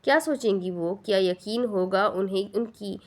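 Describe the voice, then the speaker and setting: A woman's voice: mid-range voice, close to an everyday voice. A woman voicing a cold, blunt female barrister who slips English phrases into her speech. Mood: icy. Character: cold sharp-tongued female barrister, young adult.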